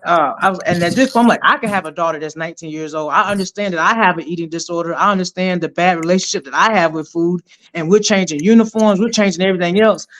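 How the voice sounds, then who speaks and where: A middle-aged woman, a retired army sergeant, telling her story in an energetic, emphatic way as a podcast guest. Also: fairly low pitch, a little hiss or hum. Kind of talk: conversational interview storytelling.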